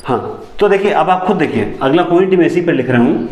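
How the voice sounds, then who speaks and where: A man teaching a lesson, who repeats key phrases back as questions and sometimes talks fast enough that his words tangle. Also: a little high, animated, a little mellow, reverberant. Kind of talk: classroom lecture on teaching methods.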